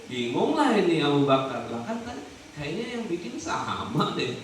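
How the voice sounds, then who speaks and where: A man's voice: moderate pace, slight background noise. A male Islamic preacher tells a story in his sermon, often asking his listeners questions. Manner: animated, asks the audience questions, swings his pitch for effect. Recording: echoey hall, distant mic, music behind.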